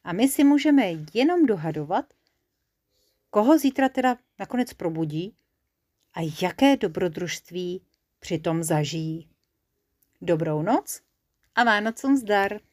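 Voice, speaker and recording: A woman narrating a children's bedtime story in a calm, clear storytelling manner. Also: medium pitch, pauses often, no echo, studio quality.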